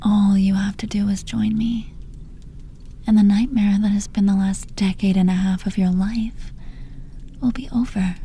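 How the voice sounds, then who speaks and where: A woman voices a menacing yet tender, possessive supervillain in an intimate audio roleplay, speaking sultrily and deliberately and calling the listener pet names. Her mid-range voice is dark and breathy with fairly even intonation, carrying an intense, hushed tenderness.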